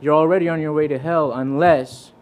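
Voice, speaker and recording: A slight hiss or hum accompanies a young Fijian man's voice, a bit high, steady in tone, somewhat fast, and darkish in timbre. As a visiting preacher, he delivers a sermon built on his personal testimony, earnest and conversational, with restarts and quoted verses.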